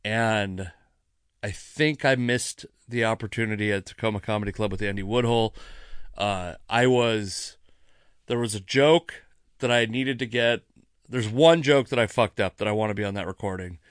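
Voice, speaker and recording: Lowish and smooth at a normal speed, an American man's voice carries a casual solo podcast monologue, recorded in studio quality without echo. He's a comedian and the host, mildly tipsy after a few drinks, rambling, self-deprecating, and occasionally swearing.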